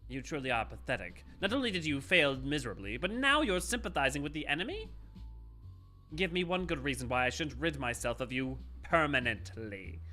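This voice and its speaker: Haughty twee villain boss from a game, slow theatrical menace, voice goes up and down loads, sharp. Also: male voice, mid-range voice, sing-song, soft background music. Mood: furious menace. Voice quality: twee, affected. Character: pompous, twee, theatrical male villain ringleader, scornful and menacing.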